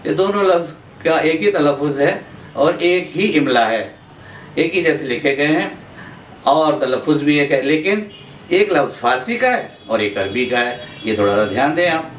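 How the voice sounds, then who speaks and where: A man from India teaching an Urdu pronunciation lesson, going through words in a measured way, repeating each one and pausing on drawn-out "uh" fillers. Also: a little high, animated, far from the mic. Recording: echoey room, voice off-mic, faint background hum.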